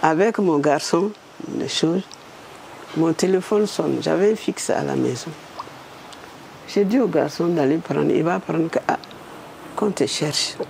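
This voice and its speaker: Gravelly-voiced woman in her eighties. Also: low-pitched, a little slow, long pauses, a little hiss or hum. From Burkina Faso. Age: 80s. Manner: lively, animated storytelling. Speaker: interview guest, former state secretary. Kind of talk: storytelling interview.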